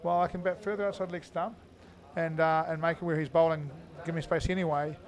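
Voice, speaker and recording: A man giving live commentary on an indoor cricket match, chatty and full of fillers, now and then breaking into loud greetings to viewers. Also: on the high side, little pitch movement, a little fast.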